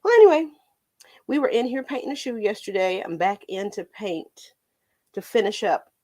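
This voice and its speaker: A woman's voice: mid-range voice, normal speed, darkish tone. An American woman with a tinny, slightly metallic voice chats casually on a painting livestream, rambling playfully to her viewers as host and art teacher.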